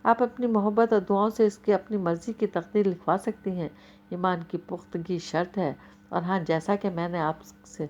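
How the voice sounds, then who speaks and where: A woman's voice: on the low side, a little mellow, lo-fi sound, slight background noise, close to an everyday voice. A woman voicing a teasing, earnest young man in a storybook reading, playful at first and then sincere in his advice.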